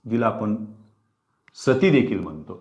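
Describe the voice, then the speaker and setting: A man's voice: on the low side, lively intonation, measured pace, a little mellow. A man teaching a grammar lesson online, explaining step by step and asking his students questions. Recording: dull, roomy sound.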